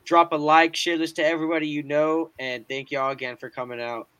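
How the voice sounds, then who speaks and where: A young man with a forceful, bright voice pitched a little high. He hosts a sports podcast in a casual style, with slangy frat-bro enthusiasm. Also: flat delivery, fairly quick, smooth, no echo, lo-fi sound. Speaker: podcast host. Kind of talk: casual hosting and live reaction.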